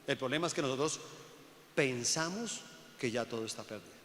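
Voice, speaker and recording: A man preaching a sermon, animated, swinging between loud calls and low asides and acting out other voices. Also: brisk. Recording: echoey hall reverb.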